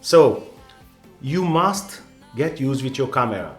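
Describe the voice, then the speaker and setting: This Hungarian man, a native speaker with the accent to match, talks slowly and with great animation in a mid-range voice. The sound is reverberant, with faint music behind him, as he rambles earnestly through photography tips in a casual vlog, restarting often and dropping plenty of "you know"s.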